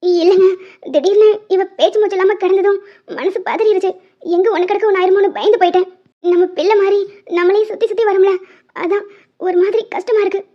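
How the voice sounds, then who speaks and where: A woman's voice: very high-pitched, fairly even intonation, fast. A woman voicing a tender-hearted young wife in a cartoon, tearful and pleading. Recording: dull lo-fi sound.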